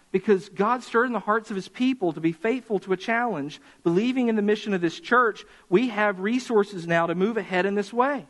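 Pastor guy preaching a sunday sermon, pretty high voice, gets fired up and slows down on the big lines. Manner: impassioned preaching, slowing for emphasis. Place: church sanctuary.

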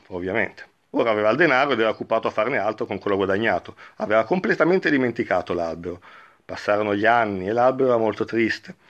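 A man giving a reflective spiritual talk and reading a parable aloud, speaking slowly and thoughtfully with frequent pauses. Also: on the low side, fairly bright tone, dull audio. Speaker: spiritual teacher.

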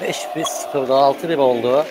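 A man adding relaxed, joking color commentary to an online football game, chatting with his partner between plays. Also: mid-range voice, unhurried, background noise. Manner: relaxed joking asides, addresses partner as hocam. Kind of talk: casual esports color commentary.

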